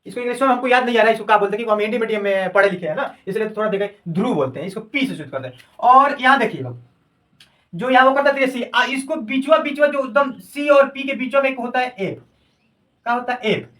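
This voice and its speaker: A man's voice: very high voice, quick pace, sharp tone, recorded from a distance, rough recording. A man teaching a classroom science lesson. He repeats each term as a question and then answers it, and calls his students "babu".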